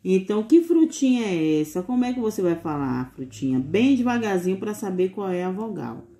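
A woman teaching young children in a recorded lesson, patiently sounding out syllables and coaxing them with gentle diminutives. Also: medium pitch, sing-song, a little fast. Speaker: preschool teacher.

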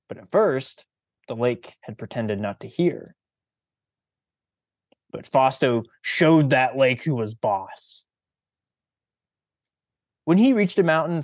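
Slow, measured male storyteller. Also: a little high, darkish tone, no echo, studio quality. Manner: slow, deliberate, teacherly storytelling. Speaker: presenter reading a picture book. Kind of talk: storybook read-aloud. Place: presentation.

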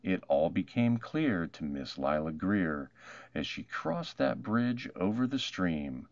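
A man narrating a rhyming children's storybook in an expressive, measured way. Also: low-pitched, no echo, muffled recording. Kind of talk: rhyming picture book read-aloud.

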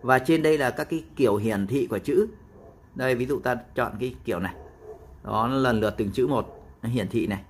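A man explaining a phone app step by step in a casual tutorial, with frequent pauses and fillers. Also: mid-range voice, slight background noise.

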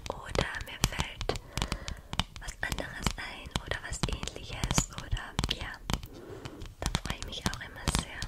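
A woman in her twenties whispering softly and intimately, close to the microphone, in a casual ASMR chat. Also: measured pace, low-quality recording. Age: 20s. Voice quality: soft breathy unvoiced whisper. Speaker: ASMR video creator. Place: small bedroom, indoors. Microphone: large microphone close to the mouth.

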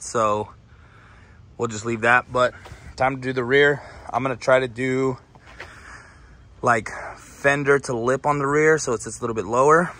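A young man chatting casually to his viewers in a vlog, recorded outdoors beside a car on a hot day with a handheld camera. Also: mid-range voice. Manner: relaxed, chatty, addresses viewers as "boys". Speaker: car vlogger.

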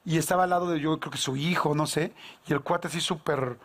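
Man, mexican spanish accent, high-pitched, rapid, animated storyteller. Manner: animated storyteller, acts out dialogue, slangy. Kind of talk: casual anecdote telling.

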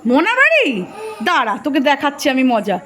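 A woman's voice: sits high, huge pitch swings, fast talker, fairly bright tone. A woman filming a small child at home, teasing him and then comforting him. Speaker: family member filming a child. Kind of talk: casual home video chat.

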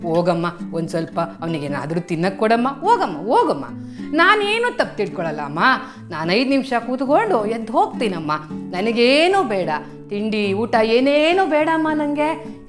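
Woman doing a nosy auntie who enjoys making people cry, chatty and fake-sweet, high voice, comedy skit. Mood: shooing away. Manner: falsely sympathetic, chatty, keeps adding "amma". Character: meddling middle-aged woman visitor who loves making others cry. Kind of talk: comic home skit.

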